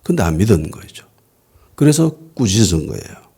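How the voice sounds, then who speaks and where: A pastor preaches in a lively, conversational way, throwing rhetorical questions at the congregation. His low voice rises and falls a lot. It has a husky, mellow tone. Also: normal speed. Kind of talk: conversational sermon. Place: church worship service.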